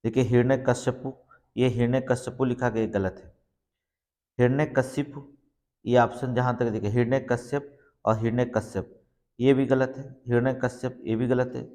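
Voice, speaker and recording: A man's voice: medium pitch, fairly even intonation, normal speed, dark tone. A man teaching exam preparation, walking through each answer step by step and confirming it with a repeated check. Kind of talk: exam-prep lesson. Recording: long reverb in the room.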